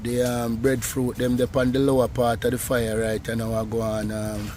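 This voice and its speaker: A man with a Jamaican accent hosting an outdoor cooking vlog, chatting in relaxed patois and teasing playfully. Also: mid-range voice, normal speed, a little hiss or hum. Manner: laid-back patois banter, playful teasing. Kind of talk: casual outdoor cooking chat. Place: outdoors beside an open cooking fire.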